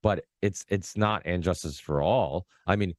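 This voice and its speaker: Deep rambling man from Massachusetts. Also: unhurried, no echo, studio quality. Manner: rambling, excitable, many fillers and restarts. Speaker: podcast host. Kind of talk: casual chat.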